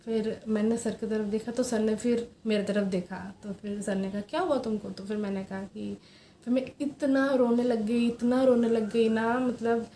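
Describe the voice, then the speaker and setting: A young woman sits at home and talks straight to her viewers, her fairly high voice soft and hesitant, full of pauses and fillers. The room gives her voice a noticeable echo. A faint hiss runs underneath. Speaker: vlogger. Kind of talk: personal confessional vlog.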